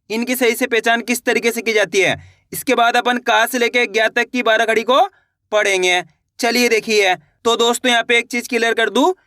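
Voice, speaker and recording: A man's voice: very high voice, sharp tone, dry recording, clean studio sound. A young man teaching a beginner reading lesson, patiently repeating each question and answering it himself.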